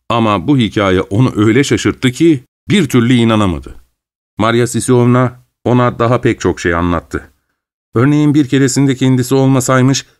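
A man narrating a classic novel as an audiobook, his voice in a middle register. His delivery is measured and steady, carrying the story line by line. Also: medium pitch.

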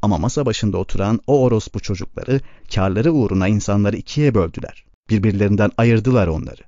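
Bitter grieving farmer put on by a man, brooding, angry, dark tone, dry sound. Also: lowish voice, quick pace, no room sound, muffled recording, lightly acted. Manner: brooding, bursts into anger.

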